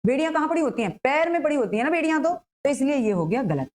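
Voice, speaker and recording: High-voiced woman teaching grammar. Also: very animated, darkish tone, poor audio. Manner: explains slowly, asks and answers her own questions. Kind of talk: exam-prep grammar lesson.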